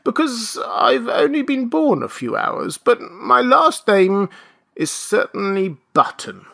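A man's voice: high-pitched, big pitch swings, slow, creaky, fairly bright tone, voice pushed up, exaggerated voice. A man voicing a querulous, frail man of seventy in a storybook, with a cracked, weak, whining voice. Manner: complaining, querulous. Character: querulous, frail seventy-year-old man, plaintive newborn oddity. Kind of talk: audiobook character voice.

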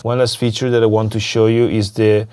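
A music production tutor with a cold, his voice fading, records a screen-captured software tutorial in a small, dim home studio. He speaks lowish and fairly quickly, relaxed and thinking aloud as he clicks around. He wears a lapel mic, and music from the session plays clearly beneath his voice.

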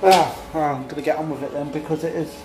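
Talking quickly but in a steady tone, a man with a high-leaning, somewhat mellow voice rambles to his viewers about feeding his kids. It's a relaxed home vlog from a small kitchen and living room, recorded roughly on an arm's-length phone with soft background music.

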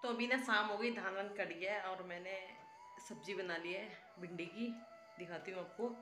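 A woman's voice: mid-range voice, steady tone, moderate pace, over music. A woman in her thirties with an Uttarakhand Hindi accent, casually narrating a village vlog as she explains farm work step by step. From India. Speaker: vlogger. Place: outdoors by rice fields and farmyard, then home kitchen. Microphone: phone camera, often held at arm's length.

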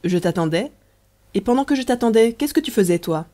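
A reader voicing Riquet, a tender, rueful young man in love, in an audiobook, speaking gently and plaintively in a mellow voice. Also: mid-range voice, expressive, fairly quick, voice pushed up, lightly acted. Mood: tendre.

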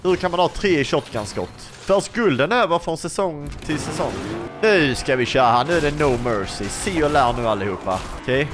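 A man's voice: a little high, lively intonation, music in the background. A young man giving casual gameplay commentary as a YouTuber, chatty and playful, often asking his viewers questions. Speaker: gaming YouTuber.

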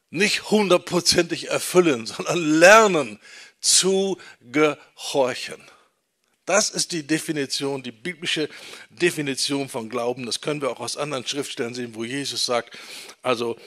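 A middle-aged man preaching a teaching sermon in a church, emphatic, slowing down and repeating key phrases for stress. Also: on the high side, pushed and bright. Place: church hall.

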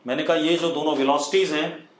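A man's voice: fairly high pitch, fairly even intonation, brisk, a little hiss or hum. A man teaching a physics lesson live online, mixing Hindi and English, dictating phrases word by word and often checking that students follow. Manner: mixes Hindi and English, calls students "beta". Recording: echoey room.

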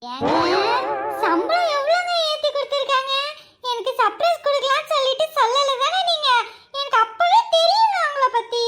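A woman's voice: very high-pitched, very animated, normal speed, bright, forceful tone, faint music behind, exaggerated voice. A woman playing a jealous, scolding wife who cries out and laments dramatically in a comedy skit. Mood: wheedling. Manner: dramatic lamenting, crying out to God. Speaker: comic actor in a skit.

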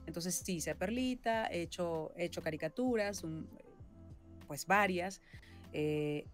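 Low-voiced voice actress chatting. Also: female voice, a little slow, soft background music. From Venezuela. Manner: reflective, explains at length with many tag questions. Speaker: voice actress and singer-songwriter, guest. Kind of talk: casual interview chat.

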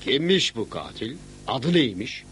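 A middle-aged man acting a just, cautious governor in a period drama, questioning with measured authority. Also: mid-range voice, sing-song, a bit bright, a little hiss or hum. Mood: grave, cautious.

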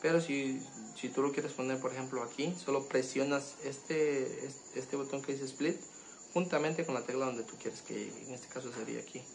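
A man hosting a keyboard tutorial, explaining step by step in a halting, casual way with many fillers and restarts. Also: mid-range voice, steady tone, creaky, a little hiss or hum, low-quality recording. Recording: loud keyboard music behind.

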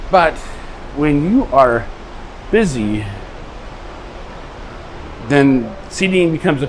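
A man's voice: fairly high pitch, slight background noise, rough recording. A man vlogging a casual walkthrough of a ship's buffet restaurant, talking in an easygoing, rambling way into a handheld camera. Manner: easygoing, rambling tour talk. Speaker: travel vlogger. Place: ship buffet restaurant, indoors.

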